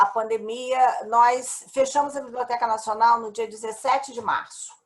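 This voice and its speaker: Slow-spoken Brazilian woman panelist. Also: fairly high pitch. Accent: Brazilian Portuguese. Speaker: panelist, national library staff. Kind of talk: recounting experience on a panel.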